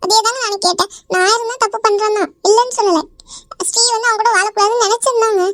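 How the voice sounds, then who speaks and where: A performer voicing a distraught middle-aged mother in an animated cartoon, pleading through tears. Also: very high-pitched, fast, dry recording, studio quality. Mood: tearful pleading. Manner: pleading, sobbing.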